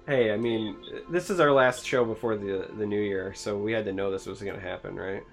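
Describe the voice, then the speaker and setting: A man's voice: fairly low pitch, fairly quick, gravelly. A man from Michigan co-hosting a casual chat, wry and self-deprecating in his jokes. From Michigan, United States. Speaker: co-host.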